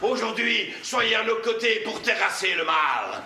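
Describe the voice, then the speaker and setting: A man's voice: high-pitched, animated, measured pace. An actor on stage playing a long-winded male charity volunteer who stammers, repeats himself and lectures in slogans. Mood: insistent chatter. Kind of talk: stage comedy acting. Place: theatre stage. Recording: echoey theatre hall, background noise.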